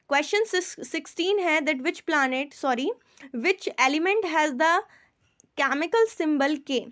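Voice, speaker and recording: A woman with an Indian accent going through general knowledge questions as a teacher, mixing Hindi and English, often checking that students follow and slowing down to read each question. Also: high-pitched, fairly bright tone. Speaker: quiz teacher. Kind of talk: explaining quiz answers.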